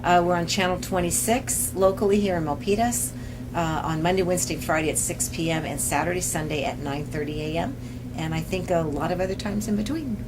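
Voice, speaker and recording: A woman's voice: on the low side, fairly quick, background noise. A woman hosting a local TV show, opening with chatty announcements full of fillers. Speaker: TV host.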